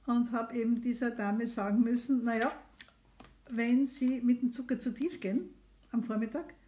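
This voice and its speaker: A middle-aged woman doctor hosts a live phone consultation stream, her voice warm and on the high side. She keeps things casual, chatty and encouraging, inviting viewers to call in.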